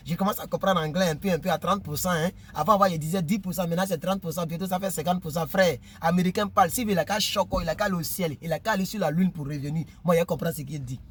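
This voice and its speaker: A man casually vlogging to his subscribers, animated and preachy, often repeating words while he searches for them. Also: fairly high pitch, slight background noise. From Ivory Coast. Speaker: YouTuber.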